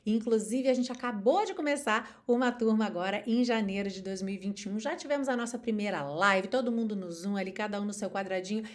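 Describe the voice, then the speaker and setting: A Brazilian woman in her thirties teaching an English lesson through a song, expressive and lively, singing short lines to demonstrate pronunciation. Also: mid-range voice, a little fast, hardly any pauses.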